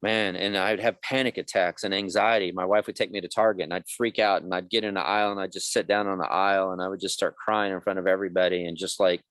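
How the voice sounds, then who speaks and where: A man's voice: low voice, steady tone, quick pace, hardly any pauses, a bit bright, no echo. A man in his fifties, a podcast guest, telling his life story candidly and acting out the dialogue of people in it. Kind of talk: conversational podcast interview.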